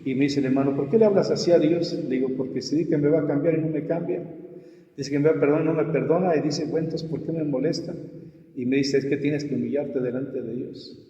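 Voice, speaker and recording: A man with a fairly high-pitched voice speaks quickly, telling his testimony as a pastor in conversation. He animatedly voices his own cries and the people in his story, while the muffled recording echoes with long reverb.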